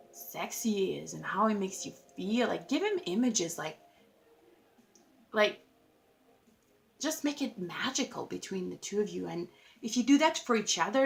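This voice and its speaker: A woman's voice: medium pitch, gravelly, a bit bright. A woman giving a casual tarot reading to her viewers, chatty and effusive, filling her talk with "like" and laughing at herself. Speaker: tarot reader.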